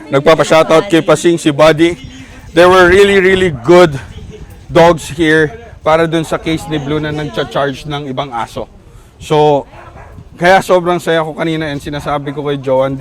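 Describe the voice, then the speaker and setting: Calm Filipino man coaching a dog walk. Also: a little high. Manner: calm, repeats short commands. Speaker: dog trainer.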